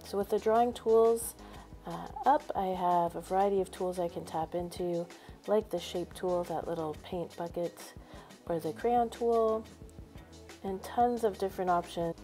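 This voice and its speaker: A woman's voice: medium pitch, dark tone. A woman teacher narrating a screencast tutorial, explaining each step in an upbeat way. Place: voice-over over a screen recording.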